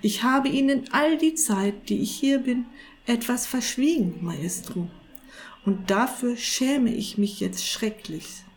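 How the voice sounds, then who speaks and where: A woman voicing a small, eager male cat who flatters and coaxes his master, in a storybook reading. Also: fairly high pitch, slow, pitched above the performer's own voice. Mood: earnest. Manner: eager, wheedling, polite.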